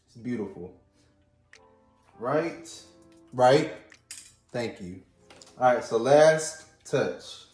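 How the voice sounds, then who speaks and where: A man's voice: mid-range voice, expressive, extremely slow, long pauses, a little mellow, reverberant, soft background music. A man hosting a casual at-home drink-making video, with a playful, chatty manner, talking straight to his viewers. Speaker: vlog host.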